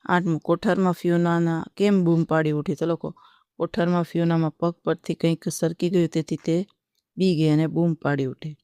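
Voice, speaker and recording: Teacher, methodical dictation of answers, smooth clear voice, flat delivery. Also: mid-range voice, moderate pace, no room sound.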